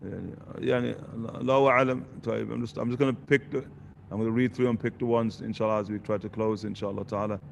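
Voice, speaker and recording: A man, teaching in a relaxed question-and-answer lesson and dropping Arabic phrases between points. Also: on the low side, fast, vocal fry, a little hiss or hum. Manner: conversational, sprinkles Arabic phrases, asks "you get the point?". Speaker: religious teacher.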